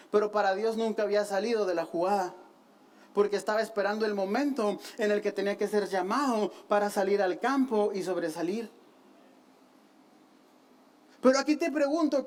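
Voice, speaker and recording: Woman preacher with a fairly high voice, animated storytelling with teasing asides. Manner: animated storytelling, acting out the quoted lines; playful, self-mocking asides. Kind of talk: sermon.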